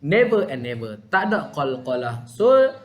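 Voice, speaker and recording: A man's voice: on the high side, very animated. A man with a Malaysian Malay accent teaching Quran recitation in an online lesson, patiently sounding out letters. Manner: patient, demonstrates letter sounds slowly, frequent "ha". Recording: echoey room.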